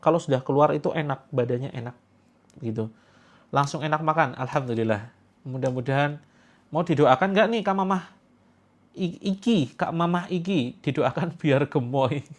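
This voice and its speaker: Chatty livestream host, man, higher voice. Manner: chatty and playful, laughs often, exclaims. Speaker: host of a live Quranic therapy session. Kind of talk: casual livestream chat reading viewer comments.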